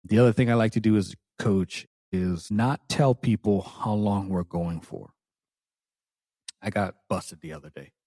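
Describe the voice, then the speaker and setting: A man's voice: fairly low pitch, measured pace, mellow, no room sound. A man hosting his podcast as a jiu-jitsu coach, talking casually and playfully, with crude jokes, and acting out the teasing lines he says to students. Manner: playful, joking, with crude language. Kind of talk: casual solo podcast monologue.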